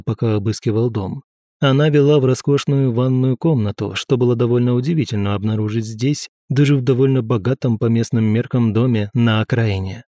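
Man, audiobook narrator, warm dark tone, dry close recording, measured reading. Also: medium pitch, dry recording. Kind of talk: scripted first-person narration.

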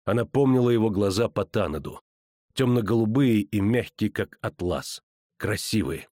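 A man narrating a fantasy audiobook in a steady, even storytelling voice on a close studio mic. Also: on the low side, normal speed, no echo.

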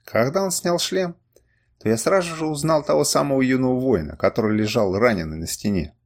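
A man's voice: medium pitch, expressive, brisk. Man narrating an adventure audiobook. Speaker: audiobook reader. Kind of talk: first-person novel narration.

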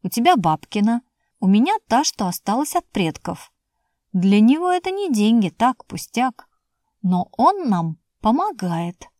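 A woman's voice: fairly high pitch, big pitch swings, unhurried, a little mellow, no room sound, studio quality. A woman voicing an emotional, pleading young woman who is the narrator's sister, in audiobook dialogue. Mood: defensive.

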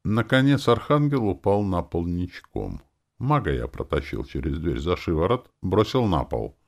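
A man narrating a first-person fantasy audiobook in a dramatic, expressive storytelling manner. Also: sits low, moderate pace, vocal fry.

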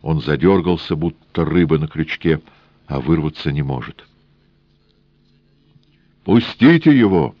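A man reading an audiobook in a measured, even storytelling manner. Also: a bass voice, no room sound, lo-fi sound. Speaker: audiobook reader. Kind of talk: scripted audiobook narration.

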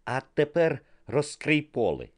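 A man voicing an excitable male fashion photographer who shouts commands at models. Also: a little slow. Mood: excited. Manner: shouting commands, high-pitched.

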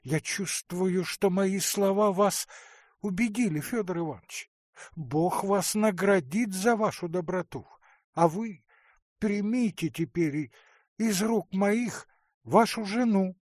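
A man's voice: high-pitched, slow, darkish tone, no echo, voice pushed up. A man voicing a sentimental, theatrical middle-aged noblewoman who pleads tearfully, in an audiobook reading with a dry sound. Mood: pleading.

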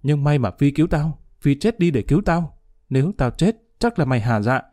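A man voicing a jealous, violent young thug in a spoken story, harsh and shouting. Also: mid-range voice, lively intonation, moderate pace, dry recording, clean studio sound, natural voice. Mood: enraged.

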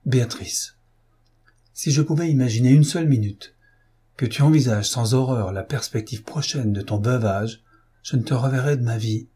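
A man's voice: mid-range voice, normal speed, warm tone, slightly rough, natural voice. A man reading an audiobook, voicing a loyal woman friend who speaks sternly and earnestly.

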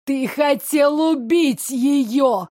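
A woman's voice: sits high, very slow, dark tone, no room sound, studio quality, pitched above the performer's own voice. A woman reading an audiobook, voicing a drugged young man, a lovesick and fanatical adjutant who speaks in a strained, feverish way.

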